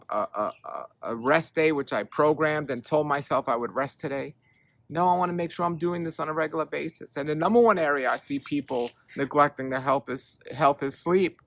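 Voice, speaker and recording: A middle-aged man hosting a health show delivers an earnest motivational monologue to camera, urging his audience and repeating things for emphasis. His voice is on the high side and a bit bright, with no echo.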